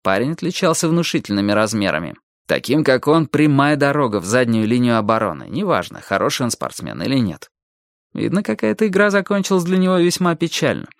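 A man reading an audiobook aloud with lively, animated expression. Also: medium pitch, a little fast, dry recording, clean studio sound. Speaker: audiobook narrator.

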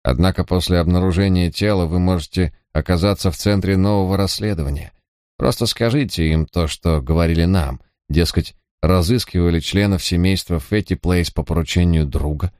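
A careful village priest with a low voice, as a male reader puts him on, talking in a measured, persuasive way in an audiobook. The voice is close and dry. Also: darkish tone, clear, resonant tone, dry recording, lightly acted. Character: cautious male village priest, middle-aged.

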